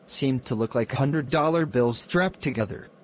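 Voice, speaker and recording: A man's voice: mid-range voice, normal speed, a little hiss or hum, natural voice. A man playing a grieving, hot-headed teenage brother in a murder mystery film. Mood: subdued.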